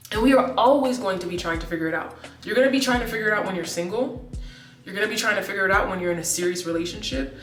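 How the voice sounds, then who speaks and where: A woman's voice: medium pitch, rapid-fire, distant mic. A woman in her late twenties chatting casually in a vlog, rambling with lots of "like" fillers and restarts. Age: 20s. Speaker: vlogger. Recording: echoey room, voice set back from the mic, faint music.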